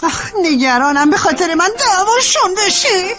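An actress dubbing a worried, gentle young wife who frets over a family quarrel. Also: female voice, very high voice, big pitch swings, soft background music, heavily acted. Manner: worried, fretful. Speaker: wife and daughter-in-law. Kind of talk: dubbed TV drama acting.

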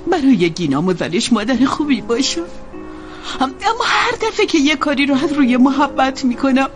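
A woman voicing a worried aging mother in a dubbed TV drama, soft-spoken and tender. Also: sits high, very animated, music in the background. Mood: tearful.

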